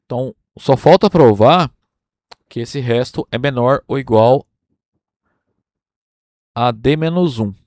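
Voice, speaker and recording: A Brazilian man lectures through a number theory proof at an unhurried pace, pausing often to check that his listeners follow. His voice sits at an ordinary middle pitch, recorded dry and close with little room sound. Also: darkish tone, no echo. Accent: Brazilian Portuguese. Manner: explains step by step, checking in with "tá?" and "né?". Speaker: university math lecturer.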